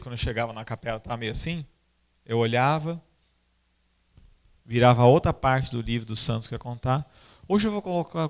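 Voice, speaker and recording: Animated Brazilian man telling stories. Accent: Brazilian Portuguese. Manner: animated, conversational, pitch swinging widely, frequent tag questions. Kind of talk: informal talk with storytelling.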